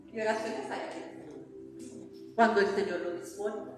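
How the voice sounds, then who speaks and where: A woman's voice: mid-range voice, fairly even intonation, normal speed. A woman preacher, delivering a sermon and firing repeated rhetorical questions at the congregation. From Colombia. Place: church hall. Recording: echoey church hall with long reverb.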